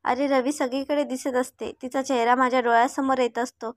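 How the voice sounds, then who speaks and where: A woman's voice: high-pitched, fairly even intonation, a little fast, no room sound, clean studio sound, lightly acted. A woman voicing a brash, possessive rich young man as she reads a story aloud. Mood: boastful.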